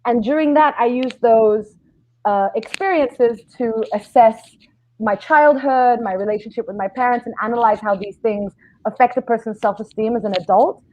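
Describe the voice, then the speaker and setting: A woman in her thirties, born in Israel and raised in London, eagerly pitching her memoir over a video call. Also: normal speed, slight background noise. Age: 30s. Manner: eager, talkative, lively storytelling. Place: home room, seated in a chair. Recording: dull lo-fi video call audio.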